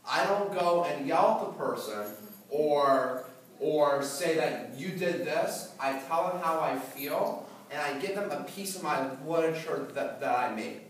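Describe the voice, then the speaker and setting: Speaking a little slowly with lively intonation, a teenage student gives a prepared talk, his stutter producing repeated words and blocks. His voice is on the high side. Recorded from afar in an echoey hall, the audio carries a little hiss or hum.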